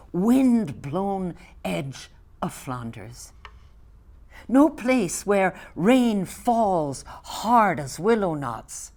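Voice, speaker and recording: A poet from Belgium, now in her eighties, gives a poetry reading in Flemish-accented English, which isn't her native tongue. Measured and soft, she reads slowly and deliberately at medium pitch, with some lines dropping to a near whisper.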